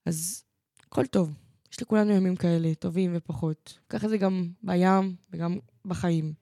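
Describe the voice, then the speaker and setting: A woman's voice: lowish voice, steady tone, mellow, no echo. Chatty woman co-host, dry sound. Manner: chatty, reflective storytelling. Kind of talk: casual chat.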